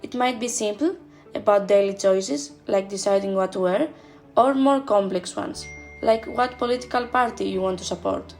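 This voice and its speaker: A woman narrating a seminar presentation, reading lists of points in a measured way. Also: mid-range voice, darkish tone. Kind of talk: read slide narration. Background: faint background music.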